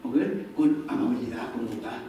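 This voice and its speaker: Pastor predicando en una iglesia con eco. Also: male voice, mid-range voice, normal speed, warm tone, a little hiss or hum. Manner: conversational preaching with quoted family dialogue. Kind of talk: sermon. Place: church sanctuary. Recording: distant mic in echoey church hall.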